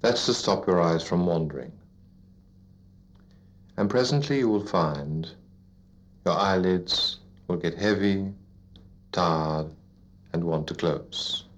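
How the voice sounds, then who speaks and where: A man guiding a listener into sleep as a hypnotist, in a soothing, repetitive, deliberate narration with pauses, like a sleep story narrator. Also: low voice. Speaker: hypnotist leading a relaxation induction. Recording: dull lo-fi recording.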